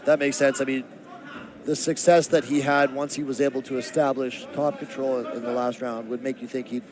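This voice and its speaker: A man giving live MMA play-by-play commentary in a measured, descriptive announcer style. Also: mid-range voice, level tone. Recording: crowd noise and music behind. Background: arena crowd and music.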